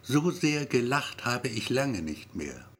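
Brief: man reading a kindly old man in a storybook, husky and gentle. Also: medium pitch, sing-song, slow pace, exaggerated voice. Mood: amused.

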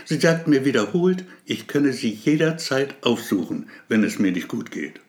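A man's voice: medium pitch, big pitch swings, moderate pace, natural voice. Man voicing a touchy, pedantic male patient. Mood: insistent. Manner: insistent, pedantic corrections. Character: odd, touchy male patient, nervous and defensive.

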